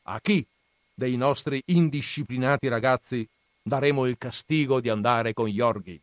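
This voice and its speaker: A male reader voices a domineering old grandfather who bellows his judgments, declaiming every line to the whole family in a raised, forceful, blustering voice. It's lightly acted in a mid-range voice pushed up, at normal speed. The recording is dry and close, without room sound.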